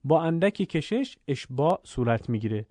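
A man's voice: a little high, sing-song, warm tone, no room sound. Man teaching Quran recitation, dry close sound. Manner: explains slowly, then chants the examples drawn out. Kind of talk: recorded recitation lesson.

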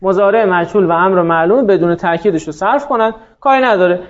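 High-voiced man teaching grammar class. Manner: explains patiently, quizzes students, slows to dictate forms. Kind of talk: classroom lesson. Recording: dull lo-fi sound.

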